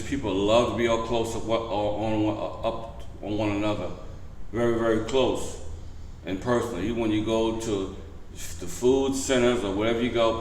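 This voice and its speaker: Low-voiced male vlogger in echoey room. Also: a little hiss or hum. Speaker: vlog host. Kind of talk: casual news update to camera.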